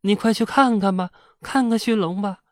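A quick-tempered young wife speaks high and sharp, as a male narrator puts her on. Her pitch leaps around. The sound is close and dry. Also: lively intonation, no room sound. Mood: panicked.

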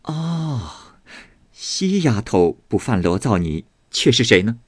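A man voicing a proud, sharp-tongued young noblewoman who speaks scornfully and defiantly. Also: mid-range voice, big pitch swings, slow, breathy edge, no room sound, studio quality, exaggerated voice.

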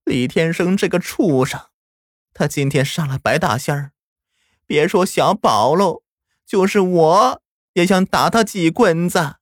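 A man doing a slow, stubborn old grandma. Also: a little high, dry recording, studio quality, pitched above the performer's own voice. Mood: stern. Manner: slow, drawn-out and firm.

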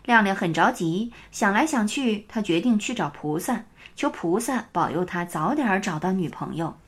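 A woman narrating a children's picture-book story in a lively, scripted storytelling style. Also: mid-range voice, moderate pace, breathy edge.

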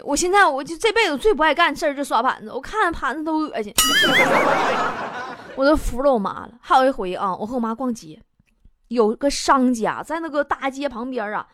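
A woman's voice: high voice, very noisy. A young woman hosting a comic storytelling monologue in a wry, self-mocking, chatty way. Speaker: host.

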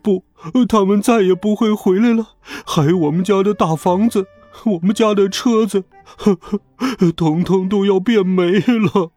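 A man's voice: high-pitched, a little fast, hardly any pauses, darkish tone, slightly rough, soft background music, pitched above the performer's own voice. A man voicing a chubby schoolboy who whines and sobs through his words in a storybook reading. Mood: sobbing. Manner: sobbing, whiny. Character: chubby crying schoolboy, whiny and blubbering.

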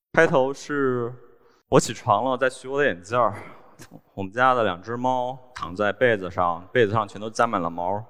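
A man, speaking in an ordinary mid-range voice, tells his stories in a wry, deadpan way and lets small laughs slip in. He is on stage in a large hall, and a long reverb trails each phrase. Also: medium pitch. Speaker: cartoonist giving a stage talk. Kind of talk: storytelling talk on stage.

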